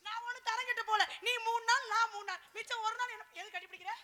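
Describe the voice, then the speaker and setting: A woman playing a jealous, sharp-tongued wife in a village stage comedy, scolding and wailing at her rival. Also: extremely high pitch, steady tone, very fast, crowd noise. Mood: bickering. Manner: scolding, trading insults, wailing. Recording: loud live stage music behind. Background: loud instrumental music.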